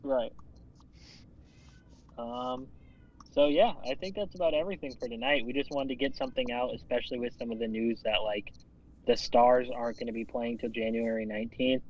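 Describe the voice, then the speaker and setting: A man with a mid-range voice runs a relaxed podcast chat, rambling and swearing casually. The sound is slightly dull and lo-fi. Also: mid-range voice, moderate pace. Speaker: podcast co-host.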